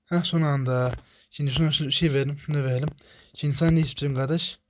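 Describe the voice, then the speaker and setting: A young man narrates his own gameplay in an excitable, slightly high voice. He mutters quick strings of repeated words to himself as he works. When things slip away he swears and grumbles, then dives straight back in. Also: slight background noise. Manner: rapid muttered repetitions. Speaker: gamer. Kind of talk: gameplay commentary.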